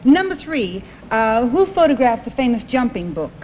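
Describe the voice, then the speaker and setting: Female game show panelist, slightly high voice, probing polite questions, muffled old TV audio, faint noise. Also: sing-song, normal speed. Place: TV studio. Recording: dull, reverberant vintage TV studio audio.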